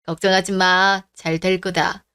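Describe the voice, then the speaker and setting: Woman voicing a gentle older mother. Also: lowish voice, little pitch movement, a little slow, clean tone. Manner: soft and reassuring. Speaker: sick mother. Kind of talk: radio drama acting.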